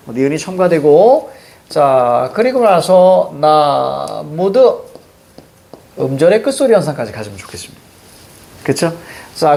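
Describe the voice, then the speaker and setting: A man's voice: high-pitched, darkish tone. A man teaching a classroom grammar lesson, walking through pronunciation rules step by step.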